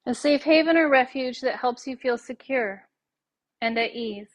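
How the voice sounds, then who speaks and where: A woman leading a guided yoga nidra meditation in a gentle, soothing, measured way, leaving long pauses between short phrases. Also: high voice.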